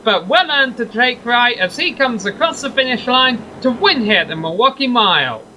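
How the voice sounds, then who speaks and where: High, bright-voiced male race commentator. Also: animated, moderate pace, a little hiss or hum, poor audio. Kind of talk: sim racing play-by-play commentary.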